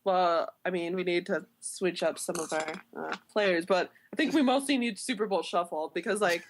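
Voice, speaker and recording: A young woman from Chicago, co-hosting a podcast in casual chat, rambling and animated, full of "like" fillers. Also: fairly low pitch, moderate pace, slight background noise. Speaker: podcast co-host.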